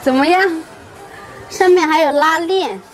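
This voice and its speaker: A woman with a high voice talks casually as a vlog host out at a market. She names things and repeats them simply for language learners. Music plays clearly behind her voice. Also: measured pace. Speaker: vlog host teaching Chinese. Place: busy market, on location.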